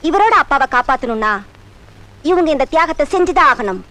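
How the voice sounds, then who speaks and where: A woman's voice: high voice, animated, fairly quick, pushed and bright. A woman voicing a spirit that possesses a young bride and mixes English phrases into her talk with assurance. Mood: assured.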